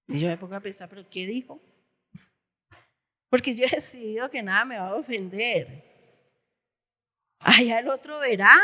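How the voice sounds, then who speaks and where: Brief: middle-aged woman pastor, high voice, lively sermon delivery. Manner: lively, acts out quoted voices. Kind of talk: Bible study sermon. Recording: long hall reverb.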